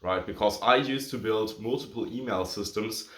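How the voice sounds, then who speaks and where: Man, German native speaker, low voice, slightly breathless, rambling with fillers, echoey room. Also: normal speed. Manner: rambling, lots of "like" and self-corrections. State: a bit out of breath. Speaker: agency coach. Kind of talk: casual talking-head advice video.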